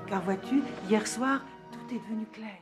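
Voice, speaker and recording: An actress dubbing an obsessive woman who speaks in a soft, eerie, controlled way. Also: medium pitch, moderate pace, over music, natural voice.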